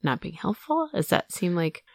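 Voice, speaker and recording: A woman's voice: fairly low pitch, sing-song, normal speed, no echo. A woman co-hosting a podcast in casual, playful chat. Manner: playful, jokey. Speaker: podcast co-host.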